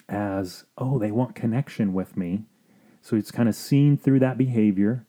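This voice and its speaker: This marriage counselor and podcast host has a fairly low, warm voice. He explains informally, in an earnest and reflective way.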